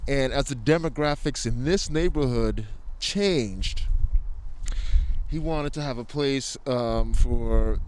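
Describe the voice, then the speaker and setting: A man speaks through a face mask, a little muffled, in a casual recollection. He is halting and repeats himself, at a medium pitch. There is faint outdoor noise behind him. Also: a little mellow. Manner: halting, repeats words as he explains. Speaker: interviewed community garden organizer. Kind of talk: casual spoken recollection on a walking tour. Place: outdoors in a community garden. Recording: muffled outdoor recording, background noise, some wind.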